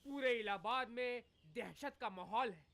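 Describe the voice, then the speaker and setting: An actress reading the news as a TV anchor, in a formal announcing manner. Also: female voice, on the high side, moderate pace, fairly bright tone. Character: brisk woman TV news anchor. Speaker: news reader.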